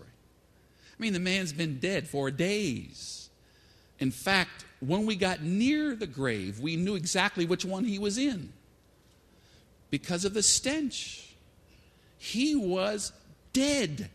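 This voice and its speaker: A grieving, wonder-struck disciple, played by a preacher in a man's voice, recounting miracles in an eager first-person telling. The voice rides high and swings widely, and it rings out in a reverberant hall. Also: takes it slowly, long pauses, heavily acted. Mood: awestruck. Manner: excited storytelling, first-person dramatic retelling. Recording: echoey hall.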